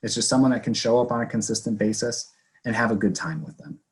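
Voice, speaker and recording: A man's voice: medium pitch, flat delivery, fast. A man presenting a volunteer program on a video call, speaking earnestly and conversationally while his audio cuts out and the volume keeps jumping. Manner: earnest, conversational, fillers like "you know". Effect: audio cutting out, uneven volume. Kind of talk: informational webinar talk.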